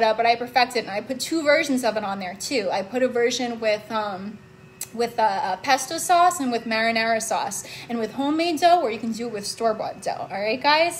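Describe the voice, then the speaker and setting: A woman's voice: fairly high pitch, a little hiss or hum. A young woman hosting a live vegan cooking stream from her home kitchen, gushing and upbeat as she reads out viewer comments. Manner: bubbly, gushing, upbeat, addresses viewers as "guys" and "love".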